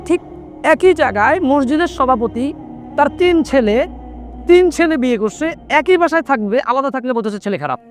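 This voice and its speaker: A young man preaching a sermon in an animated way, slipping English words into his talk and lowering his voice when he quotes others. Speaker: Islamic preacher. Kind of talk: waz sermon.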